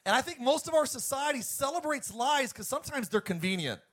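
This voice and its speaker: A man's voice: very high-pitched, animated, a little fast. A male pastor preaching an emphatic sermon to his congregation. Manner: emphatic, preacherly, swings between loud and quiet.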